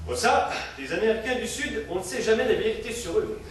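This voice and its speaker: A guy doing a slick dodgy husband, lively up-and-down voice, far off in a roomy echo with a little hiss. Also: high-pitched, fairly quick. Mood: evasive. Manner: chatty, evasive, laughing. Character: evasive bourgeois husband, glib and sly. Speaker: husband in a comic sketch. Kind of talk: old-time recorded comic dialogue. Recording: distant, echoey, faint hiss.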